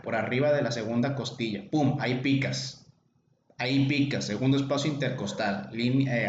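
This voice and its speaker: A man's voice: mid-range voice, a little hiss or hum. A man with a Mexican accent teaching a medical class, chatty and joking, calling on students by name. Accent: Mexican Spanish. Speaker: medical lecturer. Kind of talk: informal online class. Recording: echoey, dull lo-fi room recording.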